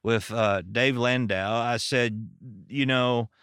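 A man's voice: mid-range voice, steady tone, slow pace, fairly bright tone, smooth, dry recording, studio quality. A man with a Southern American accent from Arkansas, hosting a podcast and chatting in a folksy, storytelling way. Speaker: podcast host and pastor. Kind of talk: casual podcast interview.

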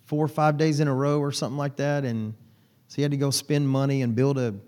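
A man's voice: mid-range voice, flat delivery, fast, warm tone. A man preaching a conversational sermon in church, chatting with and teasing his congregation. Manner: folksy, teasing the congregation by name. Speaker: pastor.

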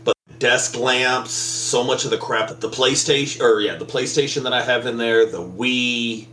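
A man's voice: medium pitch, normal speed, sharp tone. A man co-hosting a casual podcast, a public school teacher rambling with wry, profane banter. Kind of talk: casual chat. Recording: echoey room with faint hum.

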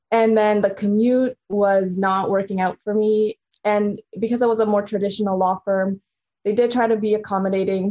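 A woman's voice: medium pitch, warm tone, muffled recording. A woman in her thirties, originally from Honduras, talking casually as a podcast guest and laughing often. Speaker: guest lawyer.

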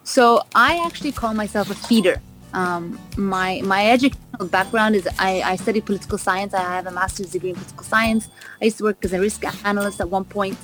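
Enthusiastic woman author on radio. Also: mid-range voice. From raised in Vancouver, Canada. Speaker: cookbook author, interview guest. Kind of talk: radio interview answers.

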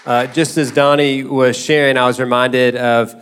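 A man's voice: medium pitch, little pitch movement, moderate pace, fairly bright tone, a faint crowd, a little hiss or hum. A man leading a church service, addressing the congregation in an informal, conversational and encouraging way. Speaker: church leader hosting the service.

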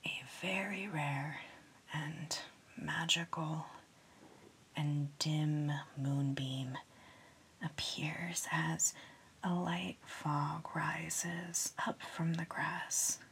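A woman whispering a slow, soothing sleep story, counting sheep in a soft unvoiced whisper. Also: deep voice, fairly even intonation, a little hiss or hum.

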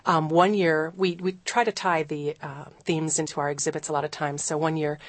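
Low-voiced woman, radio guest. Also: steady tone, dry recording. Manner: friendly, measured explanations with fillers. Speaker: museum events guest. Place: radio studio.

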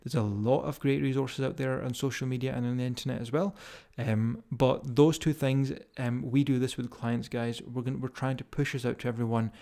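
Here a man with a thick Scottish accent talks directly and casually to his audience, coaching fitness on his motivational podcast. The voice sits in the middle range, warm and steady, moving fairly quickly with few breaks.

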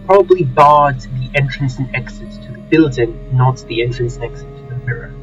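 A man's voice: mid-range voice, fairly quick, close to an everyday voice. Man acting a fussy showman, distant and muffled. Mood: fussy, conciliatory. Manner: florid, old-fashioned wording with hesitant restarts. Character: long-lived, fussy, mild-mannered male showman. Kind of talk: in-character tabletop role-play. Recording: distant, muffled mic with music underneath.

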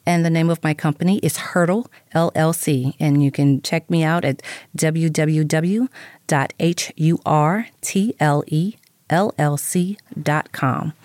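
A woman's voice: sits low, a little slow, darkish tone, no room sound, studio quality. A woman who is an HR professional, speaking as a radio guest in an earnest, motivational way. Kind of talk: radio interview.

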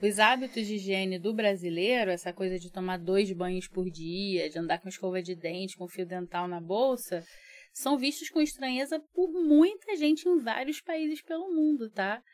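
A woman's voice: mid-range voice, normal speed, a little mellow, no room sound. A woman with a Brazilian Portuguese accent, co-hosting a casual podcast and speaking straight to listeners. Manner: chatty, addresses listeners directly. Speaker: podcast co-host. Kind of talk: casual educational podcast chat.

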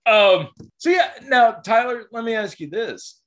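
A man's voice: sits high, very animated, a little slow, fairly bright tone. Chatty laughing man, Southern accent. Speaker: podcast co-host. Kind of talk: casual chat.

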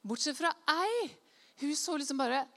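A woman preacher giving a sermon, telling an anecdote and reading scripture aloud in a lively storytelling manner, acting out quoted voices. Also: high-pitched, in a large hall.

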